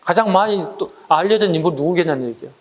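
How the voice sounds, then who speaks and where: Middle-aged male cram-school lecturer, higher-pitched, blunt and animated, quizzes the class constantly. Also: fast talker. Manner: lively and blunt, firing rhetorical questions at students; acts out quarrels in slangy voices. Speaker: history lecturer. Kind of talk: online exam-prep lecture.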